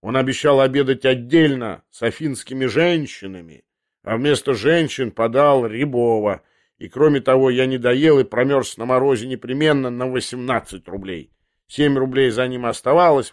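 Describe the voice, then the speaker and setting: A man's voice: medium pitch, natural voice. A man reading an audiobook, voicing a huge, rowdy, drunken young man who bellows and roars. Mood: blunt. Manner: roaring, drawn-out shouts.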